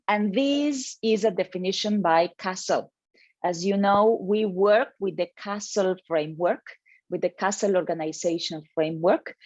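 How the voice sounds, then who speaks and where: A woman with a fairly low voice, recorded without echo, presents an educational webinar to teachers over a video call. She's earnest and emphatic and reads participants' names from the chat.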